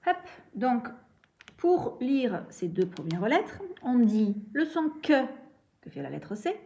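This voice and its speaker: A woman's voice: fairly high pitch, big pitch swings, slow pace, warm tone, highs cut off. A young woman teaching a reading and handwriting lesson, patiently walking through sounds step by step. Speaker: primary school teacher.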